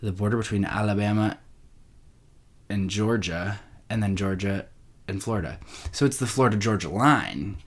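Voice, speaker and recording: Rambling young man, low voice. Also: moderate pace, long pauses, husky. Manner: rambling, self-interrupting, chatty. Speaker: podcast host. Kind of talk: casual solo rambling podcast.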